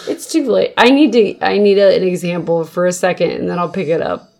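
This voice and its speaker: A woman's voice: on the low side, gravelly, darkish tone. Easygoing mother chatting on a podcast. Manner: easygoing, quick to laugh. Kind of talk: casual family chat.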